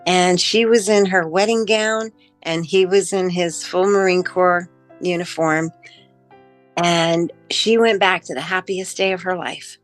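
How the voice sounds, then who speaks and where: Slow, low-voiced woman giving a testimony. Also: fairly even intonation, soft background music. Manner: emotional, halting with pauses and fillers. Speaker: near-death experience witness. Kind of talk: personal testimony.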